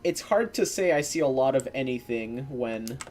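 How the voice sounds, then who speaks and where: This is casual gameplay commentary from a male streamer of Eastern European descent, speaking at normal speed in a medium pitch. He chats to viewers in a relaxed way while playing and swears now and then, and there's a little hiss or hum.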